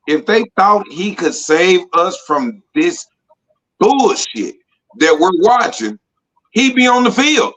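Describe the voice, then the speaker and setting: A man's voice: sits high, very animated, slow pace, fairly bright tone, poor audio. A man co-hosting a sports podcast, talking in a frustrated, emphatic way. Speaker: podcast co-host. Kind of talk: heated sports talk.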